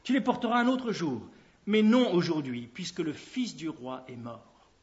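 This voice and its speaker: A man's voice: a little high, lively intonation, moderate pace, natural voice. A man reading the lines of a stern, impatient army commander in a curt, firm tone. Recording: dull lo-fi recording.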